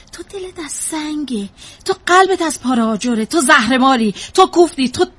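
A woman playing a high-voiced, defensive young mother. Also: fairly bright tone. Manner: defensive, evasive, breaks into tears. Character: troubled young mother fleeing her baby. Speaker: therapy client. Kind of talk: drama dialogue.

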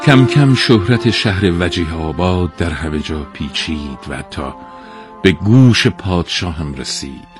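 A man narrating a folktale in an expressive, dramatic storytelling manner. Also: low-pitched, music in the background.

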